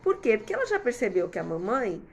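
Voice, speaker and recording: A woman's voice: mid-range voice, wildly swooping pitch, fast talker. A woman in her fifties gives casual parenting advice to viewers, chatting with lots of "né?" tag questions and everyday examples. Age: 50s. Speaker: host answering viewer comments.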